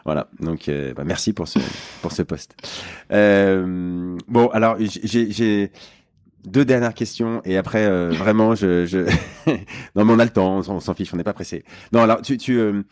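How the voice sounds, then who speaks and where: A man hosts a podcast interview with a very low voice. He speaks casually, stumbling through fillers and restarts. The sound is dry and close. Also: a little slow, a little mellow, no echo. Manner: hesitant, many fillers and restarts. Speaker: podcast host.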